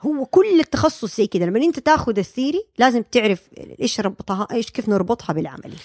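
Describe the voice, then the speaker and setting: A young woman talks quickly and explains her field as a guest, with fillers and restarts and English terms mixed in. The sound is dry and close. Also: a little high, lively intonation, darkish tone, breathy edge, dry recording. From Saudi Arabia. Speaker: speech-language pathologist guest. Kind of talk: casual podcast interview.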